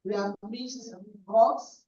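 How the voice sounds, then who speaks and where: A woman's voice: fairly high pitch, slow pace. A woman with a Nigerian accent giving an effusive welcome speech at a club meeting. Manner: effusive, flattering. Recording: echoey hall, distant mic, dull sound.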